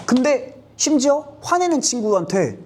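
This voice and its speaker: A man's voice: extremely high pitch, moderate pace, slightly rough. A man in his thirties candidly telling a personal story at a whiteboard, acting out the voices of his friends and himself. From South Korea. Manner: animated, acts out friends' and his own quoted lines. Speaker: YouTuber recounting exam years. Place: indoors in front of a whiteboard.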